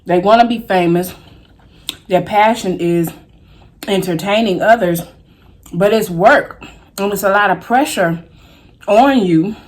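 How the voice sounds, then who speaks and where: A woman chatting casually and colloquially to viewers while eating crunchy fried chicken in a mukbang vlog. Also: mid-range voice. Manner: folksy, colloquial, drawn-out exclamations. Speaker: mukbang vlogger.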